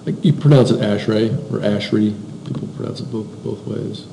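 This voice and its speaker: A man's voice: fairly low pitch, fast talker, creaky, warm tone. A male instructor giving a classroom lecture, explaining slides and often repeating words as he goes. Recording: roomy classroom with faint hiss.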